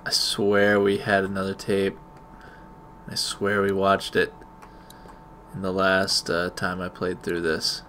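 A man's voice: sits low, completely flat delivery, slow, long pauses, pushed and bright, a little hiss or hum. A man giving casual let's-play commentary, muttering to himself with mild exclamations as he plays a video game. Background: video game sound.

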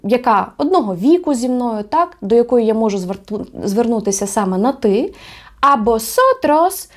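A woman teaching a video language lesson in a friendly, encouraging way. She slows down to repeat example words carefully and uses small fillers as she talks. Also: on the high side, lively intonation.

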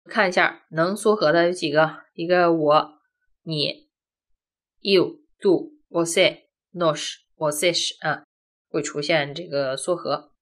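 A woman's voice: sits low, steady tone, slow. Woman explaining grammar step by step. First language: Chinese. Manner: explains step by step with frequent rhetorical questions. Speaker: language teacher. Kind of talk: classroom-style grammar lesson.

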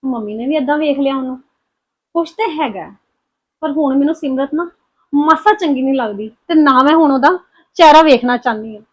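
A young adult woman playing a remorseful daughter in a scripted family drama, speaking softly, apologetic and worried. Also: high-pitched, brisk, dull audio, natural voice. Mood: reflective.

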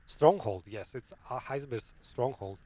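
A man's voice: mid-range voice, moderate pace, mellow, no echo. A man giving live commentary on a game stream, chatty and often laughing, reading viewers' comments aloud. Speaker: gaming streamer.

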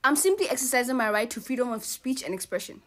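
A woman's voice: a little high, expressive, quick pace, fairly bright tone. A young South African woman with a South African accent giving a casual, teasing comic monologue. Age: young adult. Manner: chatty, teasing, mixing in local phrases.

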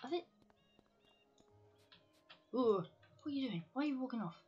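A woman's voice: high-pitched, lively intonation, moderate pace, a little mellow, slightly rough, dull audio, soft background music. A woman chatting casually on a game live-stream, scattered, talking to herself and swearing casually.

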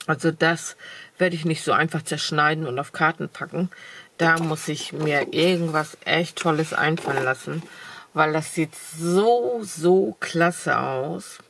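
Filmed from overhead with just her hands in view, a woman with a cold presents craft supplies at her desk for a casual haul video. Her deep, creaky voice has a fairly bright tone and a measured pace, and she's chatty and enthusiastic, using many fillers. Slight background noise is present.

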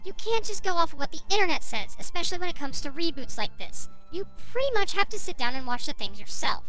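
A woman's voice: very high-pitched, sing-song, fast talker, pushed and bright, soft background music, poor audio. A woman reviewer giving a sarcastic, argumentative commentary rebutting another video.

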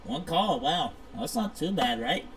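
A man's voice: a little high, big pitch swings, measured pace, a bit bright. A man making friendly, polite small talk in character during a casual online game role-play. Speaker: player acting as a pizzeria owner. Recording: clear background noise.

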